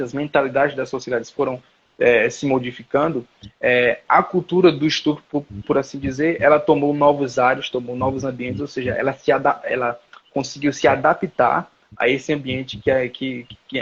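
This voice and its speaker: Husky man giving an online lecture. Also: mid-range voice, steady tone, moderate pace, lo-fi sound. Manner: explanatory, searching for words aloud. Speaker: professor.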